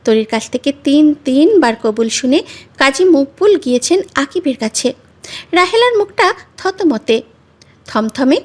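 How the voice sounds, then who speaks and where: A woman storyteller giving expressive, measured narration of a romantic story. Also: high voice.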